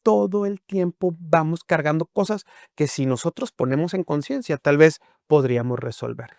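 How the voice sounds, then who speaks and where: A man's voice: a little high, normal speed, gravelly, darkish tone, dry recording, studio quality. A man, a guest on a talk show, explaining his views with acted-out examples and rhetorical questions. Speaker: guest speaker on emotions and health.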